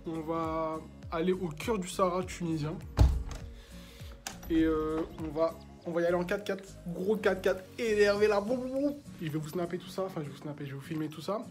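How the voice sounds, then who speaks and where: A man's voice: high voice, fairly quick, a little mellow, soft background music. A man in his twenties chatting casually to his vlog followers in informal French street slang. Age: 20s. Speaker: travel vlogger. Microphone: phone at arm's length.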